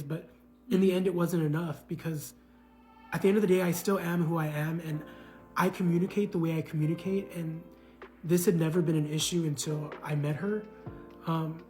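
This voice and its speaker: A man's voice: fairly high pitch, darkish tone. A man talking earnestly about his failed marriage, with a lot of "you know" and repeated words. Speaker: man recounting his divorce. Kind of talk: casual reflective monologue.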